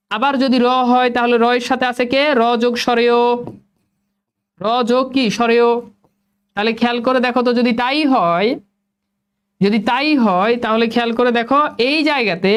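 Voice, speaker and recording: A man's voice: very high voice, smooth. A young male teacher giving a spelling lesson, repeating questions and prompting students to answer. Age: young adult.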